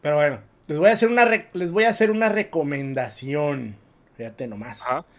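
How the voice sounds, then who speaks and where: A man with a Mexican Spanish accent co-hosts a casual film podcast, briskly retelling a story in an animated way packed with slang and swearing. His voice is on the high side.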